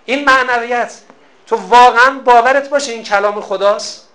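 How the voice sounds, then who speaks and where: A male preacher with a high, bright voice tells moral stories in a sermon. He speaks emphatically and exhorts his listeners, hammering key phrases again and again. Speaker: religious preacher and lecturer. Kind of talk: storytelling sermon.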